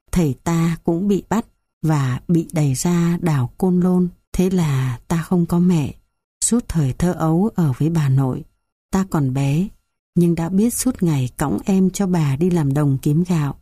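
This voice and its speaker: A woman voicing an elderly male Buddhist monk recalling his childhood, speaking slowly and gently. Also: sits low, slightly rough, no echo, studio quality. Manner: slow, gentle storytelling.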